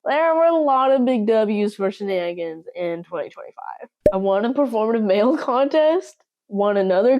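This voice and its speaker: A young woman with a slight Southern lilt talks straight to her viewers in a loose, chatty way. Her voice sits in a medium pitch. She jokes at her own expense as she goes. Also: a little mellow. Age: young adult. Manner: chatty, playful, self-mocking. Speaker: vlogger. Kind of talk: casual chat to camera.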